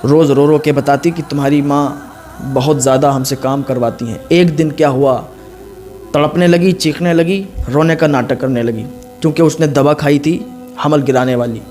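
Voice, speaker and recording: A man's voice: fairly even intonation, moderate pace, a little mellow, faint music behind. A male Islamic preacher telling a moral story, acting out the voices of the people in it. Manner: acts out quoted voices, rising in pitch and force. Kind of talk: emotional storytelling sermon.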